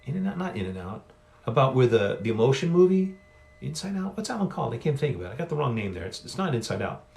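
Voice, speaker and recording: A man's voice: mid-range voice, very animated, fast, creaky, darkish tone. A middle-aged man hosting a solo author livestream Q&A, talking in a rambling, chatty way and often correcting himself, recorded on a phone. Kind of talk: casual solo livestream chat. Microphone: phone on a stand.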